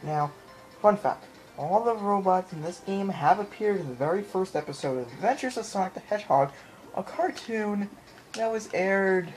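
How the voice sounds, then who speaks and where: A man with a high, animated voice talks at a normal speed while playing a video game, offering casual off-the-cuff commentary, muttered reactions and apologetic asides. He makes gaming videos, filming a TV screen in a small room at home on a handheld camera or phone mic. The low-quality recording picks up the room along with the game's music.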